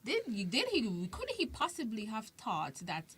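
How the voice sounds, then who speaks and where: A woman co-host in casual, animated panel chat. Her voice is bright and forceful, and she drives points home with repeated questions. There is some noise and room ambience behind her. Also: a little high, a little slow. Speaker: talk show co-host.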